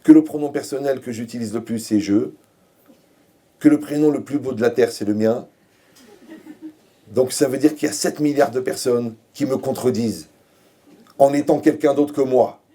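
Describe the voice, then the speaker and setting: Pausing often and speaking at a moderate pace, a man with a medium-pitched, mellow voice gives a Torah lecture as a rabbi. He jokes around and poses rhetorical questions to the audience.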